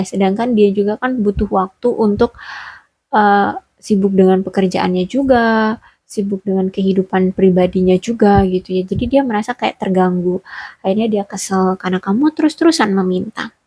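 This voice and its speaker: Speaking directly to the listener, a woman gives a relationship reading that rambles, with many fillers and self-corrections. Her medium-pitched voice is darkish and slightly rough, recorded with no echo.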